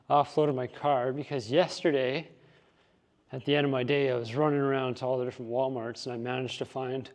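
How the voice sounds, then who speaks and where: While cleaning up his garage and studio for a vlog, a man rambles upbeat through one aside after another, a bit winded. His voice sits on the high side with a darkish tone.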